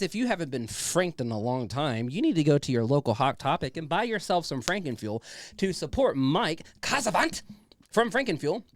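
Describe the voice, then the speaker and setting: Male podcast host, chatty and enthusiastic, lively pitch swings, close dry sound, informal and sweary. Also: dry recording. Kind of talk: casual chatty show introduction.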